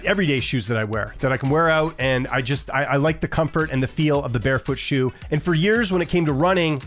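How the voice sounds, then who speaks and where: A chatty man in his thirties talks through a shoe review with frequent ums and uhs, his voice sitting a little high for a man. He speaks close to a studio mic in a home room, with soft music playing underneath. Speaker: vlogger reviewing shoes. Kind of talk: casual product review. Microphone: large studio mic on boom arm.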